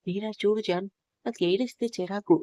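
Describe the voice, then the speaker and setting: A woman's voice: mid-range voice, fairly quick, warm tone, no room sound, dull audio, lightly acted. A woman voicing a bossy young husband who talks in a commanding way.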